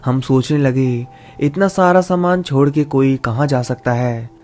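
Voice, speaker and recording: A man narrating a first-person horror story in a steady, dramatic storytelling manner. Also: medium pitch, a little slow, faint music behind.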